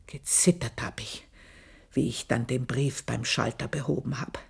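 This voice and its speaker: An actress plays an older housemaid in a radio drama, long in service, proud and bitter, telling her story in a confiding, scornful, intense manner. She uses a very deep, creaky, husky voice with a darkish tone and fairly even intonation, exaggerated and delivered at a measured pace.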